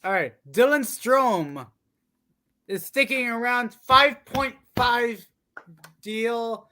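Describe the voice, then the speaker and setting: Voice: mid-range voice, very slow, sharp tone, a little hiss or hum. A co-host in casual sports chat, talking hesitantly with many restarts and fillers.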